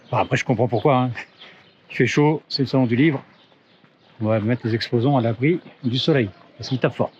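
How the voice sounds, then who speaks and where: Man from France, travel vlogger, loose rambling delivery with fillers, handheld camera outdoors, loud street ambience. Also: mid-range voice, brisk. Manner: chatty, thinks aloud with many fillers and restarts. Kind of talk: casual travel vlog narration. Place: outdoors in town streets and on a bridge. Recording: muffled with loud outdoor noise. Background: outdoor ambience and wind.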